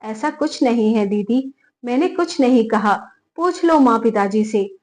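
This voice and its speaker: A bullying young daughter-in-law shouts down her elderly in-laws in a raised, high voice, as a woman narrator plays her. She scolds and threatens without letting up. The voice sits fairly high. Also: lively intonation, measured pace. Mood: false sweetness.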